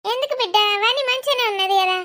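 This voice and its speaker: A woman's voice: very high-pitched, quick pace, pushed and bright. A woman playing a blunt, scolding older village mother, teasing and mocking in a rustic way. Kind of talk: comedy skit acting.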